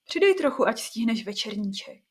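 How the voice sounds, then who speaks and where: A woman's voice: on the high side, sing-song, breathy edge. A woman voicing a curious, timid five-year-old girl in a storybook reading, in a raised childlike voice.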